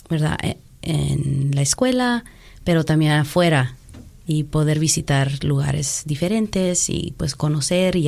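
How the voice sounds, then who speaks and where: Slow, gravelly low-voiced woman. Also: mellow. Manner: hesitant, many fillers, slips into English words. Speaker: teacher and group leader. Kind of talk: casual interview talk. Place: Chicago.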